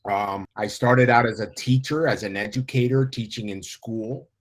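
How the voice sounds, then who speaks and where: This American man in his fifties has a lowish voice and moves at a moderate pace. As a life coach guest in an interview, he sounds earnest and inspirational.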